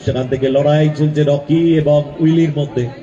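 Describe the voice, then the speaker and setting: A man's voice: a little high, steady tone, moderate pace, dark tone. A man with a West Bengal Bengali accent giving live football commentary outdoors at a ground, with chatty asides. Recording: dull lo-fi outdoor PA, crowd behind.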